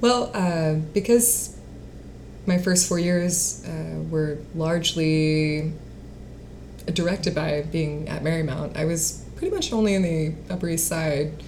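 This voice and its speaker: Slight background noise accompanies this late-twenties woman, a singer-songwriter and actress, as she chats casually in an interview. Her voice is low-pitched, slow and a little mellow, full of fillers and frequent laughter.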